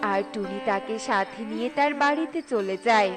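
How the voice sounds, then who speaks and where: A woman's voice: mid-range voice, normal speed. A woman storyteller reading scripted narration for a children's cartoon tale. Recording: music under the voice.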